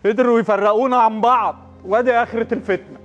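Brief: male actor, middle-aged Egyptian dad, despairing, breathless outbursts, a higher voice, faint music under him. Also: fairly even intonation, fast, highs cut off, close to an everyday voice. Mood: angry. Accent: Egyptian Arabic. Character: despairing middle-aged father, bitter over losing his job. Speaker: father. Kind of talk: Egyptian TV drama acting.

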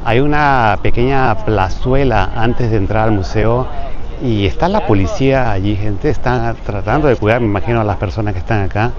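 A man's voice: on the low side, moderate pace, lo-fi sound. A man narrating a walking-tour vlog outdoors, chatty and repeating himself as he talks to viewers. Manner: chatty, repeats phrases, addresses viewers as "gente". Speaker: travel vlogger. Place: outdoors on busy city streets. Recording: street crowd and music behind.

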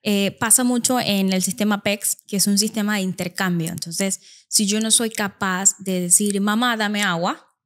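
A woman speech therapist guest, explaining methods in a calm, methodical way. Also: medium pitch, moderate pace. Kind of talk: explanatory podcast conversation.

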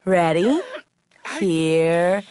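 A woman's voice: fairly low pitch, drawn-out words, a little mellow, smooth. A woman playing a sarcastic coworker who speaks in a wry tone.

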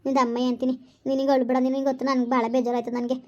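A woman playing a caring young female friend who gently consoles her in a village family skit. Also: sits high, flat delivery, very fast, lightly acted. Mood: consoling. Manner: soothing, repetitive coaxing. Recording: dull lo-fi recording.

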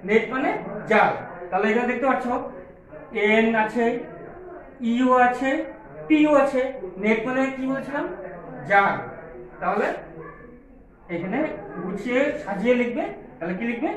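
A man's voice: very high-pitched, measured pace, pauses often. A man with a Bengali accent teaching English to small children, spelling words out letter by letter and checking after each one whether they follow. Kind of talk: slow, drilled English lesson for small children. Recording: echoey room, far from the mic, noisy crowd behind.

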